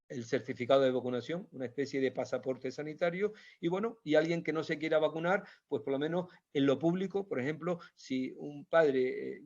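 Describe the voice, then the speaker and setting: A man's voice: on the high side, darkish tone. A man, a doctor, giving an informal health talk with slides, explaining patiently and repeating points with many hesitations. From Spain. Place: Canary Islands. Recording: dull lo-fi sound.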